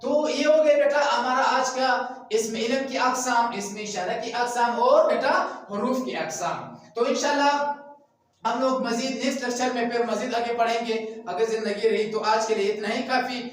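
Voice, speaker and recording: A man's voice: very high-pitched, steady tone, normal speed. A man teaching a grammar class, drilling his students with repeated questions and calling them "beta". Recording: very echoey room, voice from far off.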